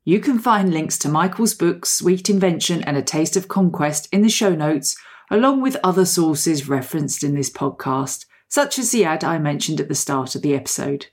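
A woman hosting a podcast interview, asking polite, measured questions. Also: low voice, expressive, breathy edge. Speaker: podcast host.

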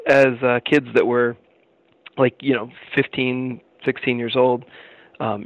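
An American man in his forties with a mid-pitched, gravelly voice gives a casual interview. He speaks in a halting, reflective way. The recording is close, dry and a little dull. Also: no echo. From Illinois, United States. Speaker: interview guest, record label co-founder.

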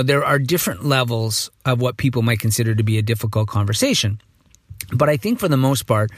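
A man's voice: medium pitch, dry recording, clean studio sound. Chatty middle-aged man with morning voice. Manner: rambling, self-correcting, chatty. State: morning voice, a bit hoarse. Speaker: podcast host. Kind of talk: casual monologue.

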